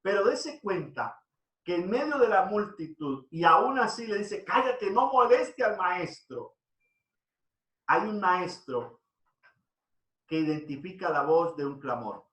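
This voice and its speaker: A man delivers an earnest devotional sermon in a bright, ringing voice. His voice climbs higher whenever he quotes scripture. He sounds set back from the mic in a room with a noticeable echo. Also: big pitch swings, measured pace, far from the mic. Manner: earnest preaching, voice rising when quoting scripture. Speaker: preacher.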